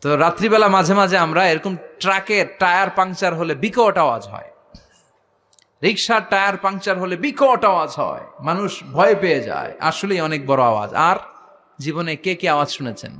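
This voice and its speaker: A man's voice: sits high, pushed and bright. A man preaching a sermon to a gathering, calling questions out to the crowd and drawing answers back from it. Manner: rousing call-and-response with the crowd; chants Quranic verses slowly.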